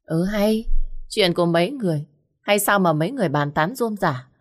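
A woman's voice: fairly low pitch, lively intonation, moderate pace. Storybook roles: spiteful young waitresses, snide and gossipy, as a woman reads them. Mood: catty. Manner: snide, catty.

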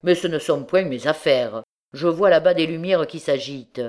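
Sly old bandit beggar, mocking, jaunty, loud, voiced by a woman reader. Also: sits low, normal speed, natural voice.

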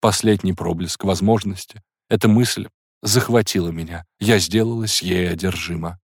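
A man's voice: sits low, fairly even intonation, moderate pace, breathy edge, no room sound, studio quality. A man reading an audiobook, voicing a proud, tormented woman in an emotional, intense manner. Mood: anguished.

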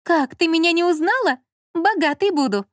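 A woman putting on a sly, high-pitched young con woman. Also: expressive, moderate pace, no room sound, studio quality. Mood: sugary. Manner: theatrical, switching between cold pressure and gushing.

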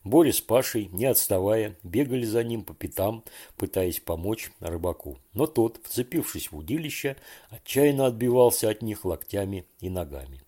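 A man reading a children's story aloud with calm, even storytelling. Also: on the low side, normal speed. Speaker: narrator.

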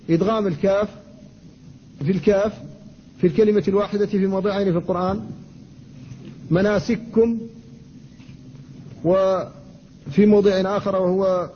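A man, an Islamic scholar, giving a classroom lecture on Quran recitation. He explains rules at a measured teaching pace, recites verses slowly and stops to answer students. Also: high voice, warm tone. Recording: dull lo-fi lecture recording with faint noise.

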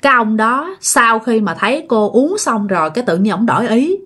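A woman with a Southern Vietnamese accent tells a ghost story and keeps turning to her listeners. Her voice is fairly high and very animated, rising and falling as she narrates. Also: normal speed, breathy edge. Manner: chatty, addresses listeners directly.

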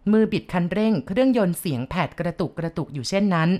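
A woman narrates a story in a steady, descriptive manner. Her voice sits on the low side. The reading is even and unhurried.

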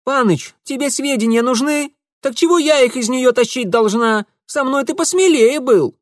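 A man voicing a bold, sharp-tongued young peasant girl who mocks and bosses people around. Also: very high voice, moderate pace, no echo, studio quality, voice pushed up. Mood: angry. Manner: mocking, bossy.

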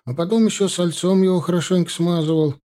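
A scruffy young soldier, as a man puts him on, pleading his case in a raised, sniffly voice. He sounds defensive and earnest, with a mellow tone under the lift. A storybook figure caught out. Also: sits high, steady tone, quick pace, pitched above the performer's own voice, close to an everyday voice. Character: sloppy young male dragoon, sniffling and defensive.

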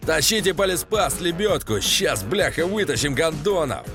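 A man's voice: fairly high pitch, sing-song, normal speed, over music. A man voicing a fierce male police commander who barks coarse orders. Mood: barking orders. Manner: barking, coarse.

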